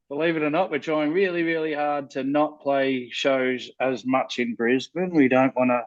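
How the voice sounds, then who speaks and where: A band member guest talks casually about his band over a video call, enthusiastic, repeating words and using many fillers. His voice is medium-pitched and steady, his pace unhurried, and the audio dull.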